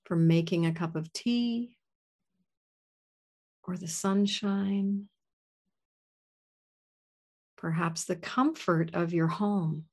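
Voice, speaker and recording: A woman leading a guided gratitude meditation in a soft, soothing voice. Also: fairly low pitch, slow.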